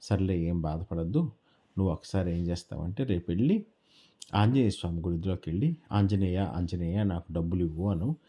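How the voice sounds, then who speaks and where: A strange, kindly wanderer from a children's tale, low and coaxing, calmly insisting, as a man voices him. The voice is deep and very mellow. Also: a little fast, husky.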